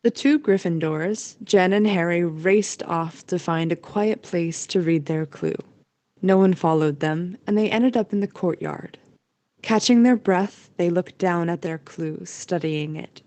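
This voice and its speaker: Her voice mellow and fairly low, a woman tells the story of an audio play in unhurried scripted narration, captured dry and close with no room sound at all.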